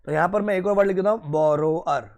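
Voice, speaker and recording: A man lectures a class in a playful, quizzing way. He keeps asking questions and answers them himself, switching between Hindi and English. His voice sits high for a man. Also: fast talker. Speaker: teacher.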